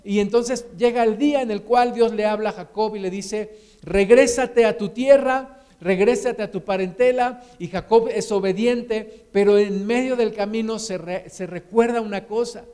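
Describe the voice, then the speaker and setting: A middle-aged pastor preaches in a lively storytelling manner. His voice sits high for a man and sounds smooth and clear. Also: normal speed. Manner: storytelling, animated retelling with acted quotes. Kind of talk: sermon.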